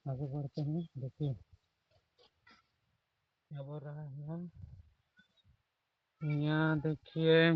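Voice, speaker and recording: A man's voice: on the high side, level tone, takes it slowly, pauses often, no echo. Man teaching English phonics in a dull lo-fi recording. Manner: repetitive, keeps saying "dekhiye" and "theek hai"; spells out example words letter by letter. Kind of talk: online spoken English class.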